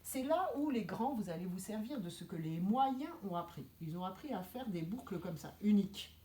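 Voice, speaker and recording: Lively teacher talking to small kids. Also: female voice, mid-range voice, normal speed, roomy sound. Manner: precise, step-by-step, gently firm teacher talk. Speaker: kindergarten teacher. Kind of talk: handwriting lesson to young children. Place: classroom.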